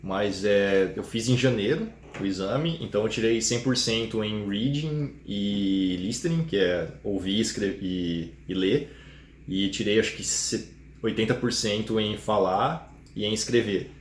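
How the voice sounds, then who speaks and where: A man's voice: on the low side, unhurried. A man, a programmer guest chatting casually on a live stream and explaining at length with easy laughs. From Brazil, São Paulo. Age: 30s. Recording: roomy, faint noise.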